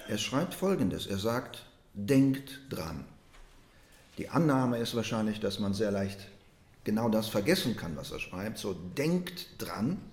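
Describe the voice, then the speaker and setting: A man preaching a Pentecost sermon, reading scripture with strong emphasis and speaking warmly to his congregation. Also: reverberant. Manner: slow, emphatic delivery with wide swings in pitch and loudness; addresses listeners as "ihr Lieben", asks them "ja?".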